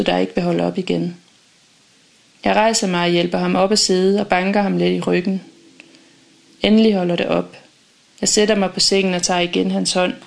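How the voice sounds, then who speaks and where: A woman reading a first-person audiobook in a calm, measured, intimate way. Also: on the low side, vocal fry. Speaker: audiobook narrator.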